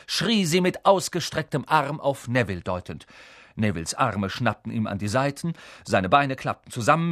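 A man reads a storybook aloud with expressive, lively swings in his pitch. His voice sits in a middle register. The sound is dry and close, with no room in it. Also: no room sound. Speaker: audiobook narrator. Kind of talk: storybook narration.

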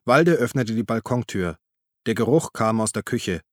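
A man narrating a crime novel in a measured, even tone. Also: medium pitch, dry recording, studio quality. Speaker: audiobook narrator. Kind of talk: scripted narration.

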